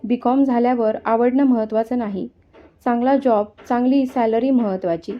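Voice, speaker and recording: A woman's voice: fairly high pitch, fairly even intonation, normal speed, natural voice. A woman voicing a young working woman who has run away from home, speaking with urgent questions in a story reading. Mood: questioning. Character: young woman, runaway office worker, impatient then friendly. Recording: dull lo-fi sound.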